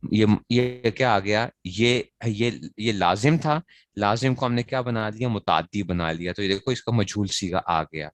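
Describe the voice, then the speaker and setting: Low-voiced male teacher, dry sound. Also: no echo. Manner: asks rhetorical questions and answers them, repeats key phrases; recites verb conjugations in a slow chant. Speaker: teacher of grammar to students. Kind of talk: classroom lecture.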